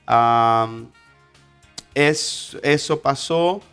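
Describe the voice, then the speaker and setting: Extremely slow and smooth, a medium-pitched, fairly bright male voice tells a life story over soft background music. The speaker is a ministry instructor from Honduras in his 20s, giving personal testimony as an interview guest, hesitant with many fillers and restarts.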